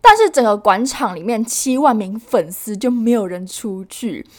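A young woman of about nineteen with a Taiwanese Mandarin accent, hosting a casual news-recap podcast in a chatty way, full of fillers and sudden jumps in pitch for emphasis. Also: expressive, normal speed. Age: young adult, about 19. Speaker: podcast host.

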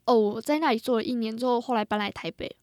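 Young taiwanese-accented girl just chatting, kinda high voice, tells it animatedly, dry recording. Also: quick pace, darkish tone, no room sound. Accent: Taiwanese Mandarin. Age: young adult. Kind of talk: casual chat.

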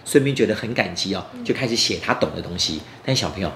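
A man telling a story to children in an animated way, explaining as he goes and often asking the young listeners questions. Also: deep voice, fast talker. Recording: roomy echo, faint background noise.

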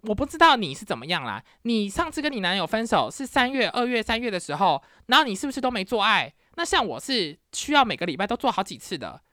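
A woman's voice: medium pitch, very animated, fast talker, few pauses, pushed and bright, no room sound, clean studio sound, voice pushed up. A woman voicing a pushy, boastful man on a first date, quoted with insistent swagger while she tells the story.

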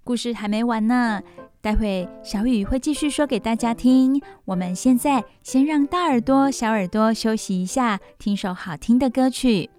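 A woman hosting a children's radio show reads a bedtime story aloud as though to a toddler, using simple exclamations and repeated phrases. Her voice is on the high side with a darkish tone at a normal speed, and music plays behind her.

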